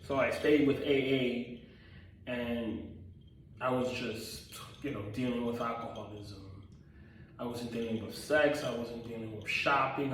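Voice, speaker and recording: A man in his thirties records a personal testimony vlog, earnest and repetitive, full of ums and self-corrections. His mid-range voice is captured from a distance, away from the mic, in a very echoey room with slight background noise.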